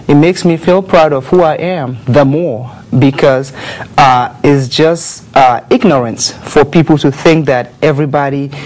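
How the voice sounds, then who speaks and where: A woman's voice: deep voice, a little slow, darkish tone. A woman speaking earnestly and firmly as a guest on a TV talk show. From Nigeria.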